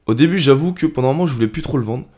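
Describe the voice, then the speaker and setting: A young man giving casual, rambling commentary on his football game career, with lots of fillers and excited shouts at goals. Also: mid-range voice, very fast. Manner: chatty, rambling, many fillers. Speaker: gaming YouTuber.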